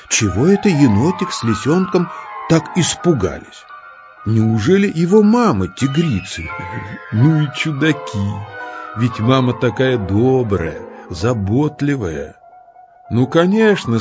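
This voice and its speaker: A man telling a children's story as an expressive narrator reading from a script. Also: medium pitch, highs cut off. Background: music.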